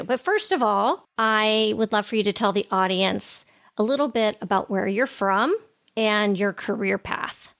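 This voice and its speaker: Measured middle-aged woman podcast host. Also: mid-range voice, vocal fry, fairly bright tone. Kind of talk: scripted intro and interview questions.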